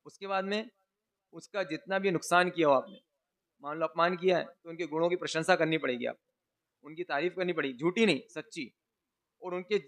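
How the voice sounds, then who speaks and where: A man's voice: high voice, a bit bright. A man giving a religious sermon, asking questions and answering them himself, and acting out small scenes in different voices. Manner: questions the audience and answers himself, acts out dialogue. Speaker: preacher. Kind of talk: monsoon-season sermon.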